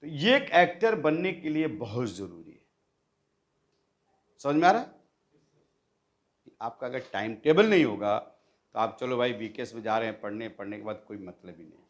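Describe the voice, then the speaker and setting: A man's voice: mid-range voice, very animated, normal speed, pauses often. A man teaching acting students in a coaching lecture, demonstrating lines and often checking in with them.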